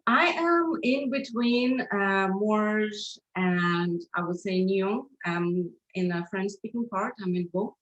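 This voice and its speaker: A woman's voice: medium pitch, slow pace, hardly any pauses, echoey room, muffled recording. A woman from Lithuania, a guest in a casual interview, who talks hesitantly with many fillers and restarts.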